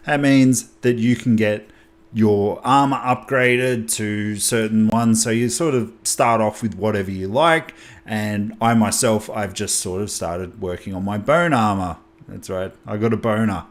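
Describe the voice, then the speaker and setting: A young man hosting a casual video game haul, talking excitedly and rambling, often restarting and correcting himself mid-sentence. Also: fairly low pitch. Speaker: gaming channel host.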